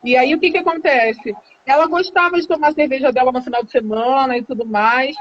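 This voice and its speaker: A Brazilian woman with a high voice tells a personal story in casual, lively speech, laughing and putting on the voices of the people in it. The sound is muffled and lo-fi, like a live stream. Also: a little fast. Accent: Brazilian Portuguese. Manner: animated, laughs often, acts out dialogue. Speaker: guest telling her story. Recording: dull lo-fi live stream audio.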